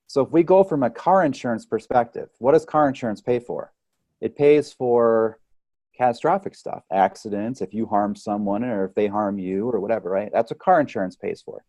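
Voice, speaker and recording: As a podcast guest, a chiropractic or holistic health practitioner speaks with a warm voice on the low side, at a moderate pace and with no echo. His manner is conversational, he leans on analogies, and he often asks "right?"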